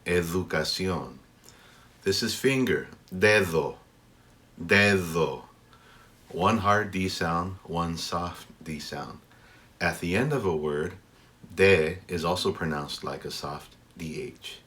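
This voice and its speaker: Deep-voiced man teaching pronunciation, slow and deliberate. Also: a bit bright. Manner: slow, deliberate enunciation of example words; measured, instructive delivery. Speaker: language teacher. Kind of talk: pronunciation lesson, explaining and modelling words.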